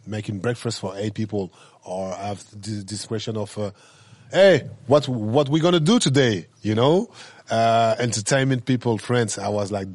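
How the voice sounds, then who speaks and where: A middle-aged man with a French accent talks about his life in loose, broken English, full of fillers and restarts. His voice sits a bit low and sounds close and dry. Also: a little mellow, dry recording. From France. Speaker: hotel owner. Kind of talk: casual interview talk.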